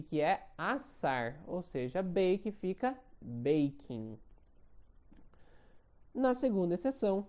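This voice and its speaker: A Brazilian man teaches an online English grammar lesson, his voice mellow and warm. He keeps checking in with his students through short questions. He slows right down whenever he spells out an example. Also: a little high. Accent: Brazilian Portuguese.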